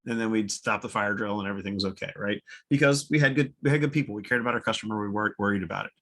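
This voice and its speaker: A man presents to a room of business owners in a quick, punchy delivery. His voice sits fairly low, and he is blunt and casual, swearing now and then and acting out conversations with customers. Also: fairly bright tone. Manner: acts out customer dialogue. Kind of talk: conference talk replayed on a webinar.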